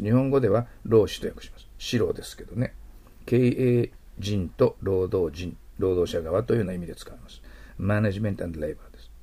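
A middle-aged man teaching TOEIC English vocabulary, explaining words and slowly modeling their English pronunciation. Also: lowish voice, warm tone, slightly rough.

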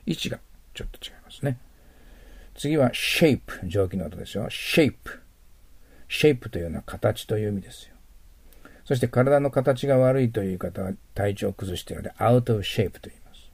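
Low gravelly man teaching vocabulary. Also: lively intonation, normal speed, no echo. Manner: explains words patiently, trailing into soft near-whispers. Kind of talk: recorded vocabulary lesson.

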